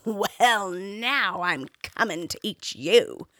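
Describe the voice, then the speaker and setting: A woman's voice: medium pitch, very slow, fairly bright tone, dry recording. A woman whispering a ravenous ancient dragon. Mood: menacing. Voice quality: whispery, breathy. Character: ravenous ancient male dragon, blunt and greedy.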